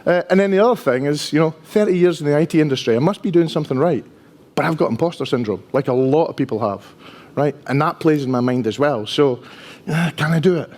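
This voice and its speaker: A man's voice: a little high, fast, darkish tone. Strong Dundonian man, chatty conference speaker. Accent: strong Dundonian Scottish. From Dundee, Scotland. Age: 50s. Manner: chatty, self-deprecating, often tags sentences with "right?". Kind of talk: informal conference presentation.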